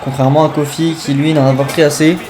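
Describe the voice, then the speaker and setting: A man's voice: on the high side, little pitch movement, fast. A man doing play-by-play wrestling commentary on a video game match, reacting to each move with exclamations. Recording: clear background noise.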